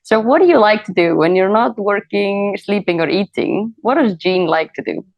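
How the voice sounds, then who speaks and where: A woman's voice: mid-range voice, animated, normal speed, no echo, lo-fi sound. A woman hosting a podcast interview, friendly and encouraging, with frequent agreeing sounds. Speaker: podcast host. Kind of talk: casual interview chat.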